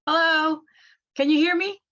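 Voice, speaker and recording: Woman, high bright voice, informal meeting introduction over a lo-fi video call. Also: fairly even intonation, normal speed. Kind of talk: casual introduction in a group meeting.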